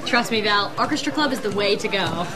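A woman's voice: medium pitch, expressive, brisk, crowd noise, close to an everyday voice. An actress playing an upbeat, loyal, persuasive teenage girl in a sitcom. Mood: cheerful, coaxing. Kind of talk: sitcom acting. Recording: noisy studio audience ambience.

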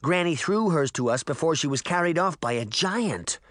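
A man's voice: a little high, animated, normal speed, a bit bright, dry recording, studio quality, pitched above the performer's own voice. Polite little girl, voiced by a man. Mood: earnest. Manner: polite, earnest.

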